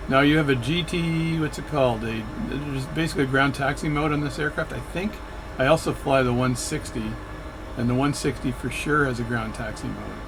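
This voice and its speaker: A flight sim video creator offers casual, rambling narration as he plays, regularly correcting himself mid-sentence. His medium-pitched voice moves a little fast, and the background is noisy.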